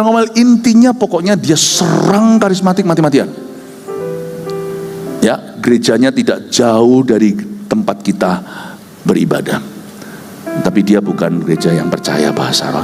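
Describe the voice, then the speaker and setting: A man in his fifties, a pastor telling a personal story in a sermon, acting out dialogue with big jumps in his voice. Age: 50s. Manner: animated, acts out dialogue with big pitch swings. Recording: preached in a hall with reverb, music underneath.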